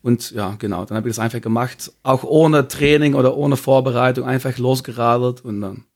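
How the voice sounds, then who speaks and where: A man's voice: mid-range voice, fairly even intonation, fairly quick. A man from Belgium, a podcast guest speaking hesitantly and searching for words in a casual interview.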